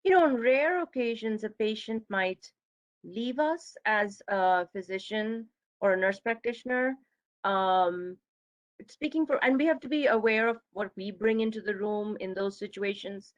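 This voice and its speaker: A woman's voice: medium pitch, measured pace, poor audio. A woman psychiatrist speaking on a panel over a video call, candid and thoughtful. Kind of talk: professional panel discussion.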